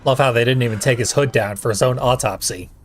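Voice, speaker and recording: A man's voice: mid-range voice, quick pace, over music. A man giving casual, dryly sarcastic commentary as the host of a video game playthrough. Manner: dry, sarcastic wisecracking. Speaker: let's play host.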